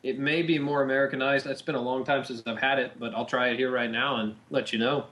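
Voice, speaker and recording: A man's voice: mid-range voice, fairly even intonation, fast talker, a bit bright. A man co-hosting a casual beer-tasting chat, rambling and easygoing with lots of filler. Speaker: podcast co-host.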